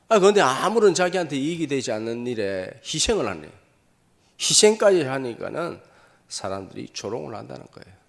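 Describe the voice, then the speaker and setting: Gravelly male pastor preaching in a reverberant hall. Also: medium pitch. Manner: rhetorical questions answered himself, drawn-out emphatic phrases. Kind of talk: Sunday sermon. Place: church sanctuary. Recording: long hall reverb from a church.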